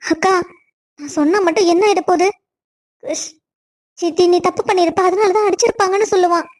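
A woman voicing a timid, tearful young woman in a cartoon story, who pleads softly. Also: extremely high pitch, fairly even intonation, fairly quick. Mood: pleading. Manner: soft, pleading.

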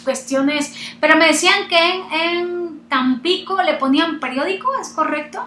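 A woman hosting a casual interview over a video call, chatty and animated, laughing often. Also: extremely high pitch, normal speed, echoey room. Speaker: host.

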